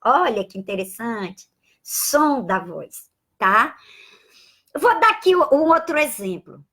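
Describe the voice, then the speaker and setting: A Brazilian woman teaching a live-streamed Portuguese lesson, spelling sounds out slowly and greeting viewers by name with affectionate asides. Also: medium pitch, fairly bright tone, husky. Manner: slow, drawn-out spelling of sounds and letters.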